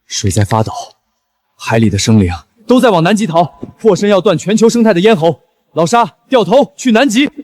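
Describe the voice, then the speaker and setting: A man's voice: high voice, sing-song, brisk, a little mellow, slight background noise. An actor playing a resolute, intense young man who leads an ocean team by intuition, in a screen drama. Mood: grave, brooding.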